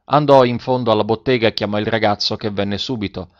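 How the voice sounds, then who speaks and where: A man's voice: on the low side, fairly even intonation, quick pace. Man reading a story, muffled audio. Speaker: narrator. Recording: dull muffled recording.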